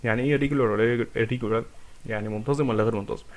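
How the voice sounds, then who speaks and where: Man, Egyptian Arabic accent, medical lecturer, rapid delivery, asks and answers his own questions. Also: mid-range voice, fairly even intonation. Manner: explains step by step with rhetorical questions, mixes English medical terms.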